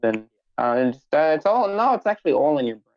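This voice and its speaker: A young man co-hosting a relaxed podcast. He talks with a very lively, swooping pitch and often stops and restarts his sentences. The recording is dry and slightly dull, like a cheap home mic. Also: dry recording. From United States. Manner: animated, halting, many restarts. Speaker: podcast co-host. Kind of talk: casual chat.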